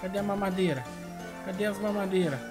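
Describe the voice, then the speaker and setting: A middle-aged Brazilian man giving casual, excitable gameplay commentary full of slang and exclamations, recorded in a room at home. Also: high-pitched, a little fast. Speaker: gaming video host. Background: music.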